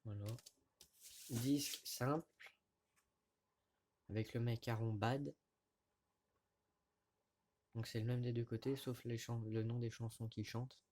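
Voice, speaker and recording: A man with a mid-range voice talks casually to his camera at home while showing off vinyl records. He speaks haltingly, with many fillers and restarts. A faint hiss sits under the recording. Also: medium pitch, fairly even intonation, a little mellow. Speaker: record collector vlogger. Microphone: camera mic at close range.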